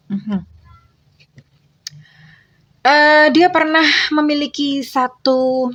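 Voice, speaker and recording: A woman tarot reader speaking casually to her viewers, chatty and meandering, with many fillers. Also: fairly high pitch.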